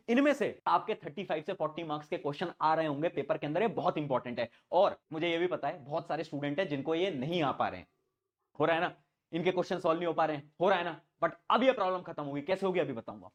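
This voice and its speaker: Upbeat man giving an exam pep talk. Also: high-pitched. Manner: pep-talk, addresses students directly, repeats phrases. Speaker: online tutor for board exams. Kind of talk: motivational exam-prep talk to students. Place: indoor room, standing before camera.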